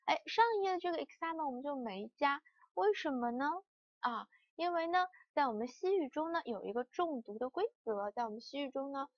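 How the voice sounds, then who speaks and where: A woman language teacher giving a lesson, repeating each word slowly for students to follow. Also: sits high, lively intonation, no room sound, muffled recording. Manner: slow, repeated word drills.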